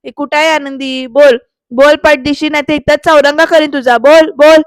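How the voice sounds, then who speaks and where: Angry male officer, read by a female recap narrator: loud, demanding, stern. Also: high-pitched, level tone, moderate pace, no echo, close to an everyday voice.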